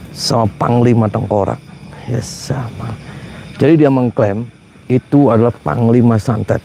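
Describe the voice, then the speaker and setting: Gravelly guy ranting to camera, faint hiss behind, mock outraged comedy. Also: medium pitch, warm tone. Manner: mock-indignant, rambling, with exasperated asides. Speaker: comedic shaman persona host.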